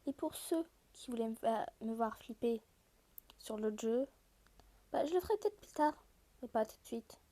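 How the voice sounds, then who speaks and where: A woman with a high voice and a mellow, rounded tone talks through a mobile game as she plays. She explains each screen and rule straight to her viewers in an easygoing, conversational way. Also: animated, moderate pace, long pauses. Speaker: gaming video host. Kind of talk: casual gameplay walkthrough.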